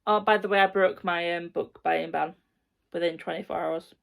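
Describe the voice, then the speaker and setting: A young woman with a croaky, gravelly edge to her lowish voice chats through a reading update at home. She rambles and corrects herself as she goes, in a relaxed vlog manner. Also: moderate pace. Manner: rambling, self-correcting chat. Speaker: reading vlogger. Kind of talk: casual reading update to camera.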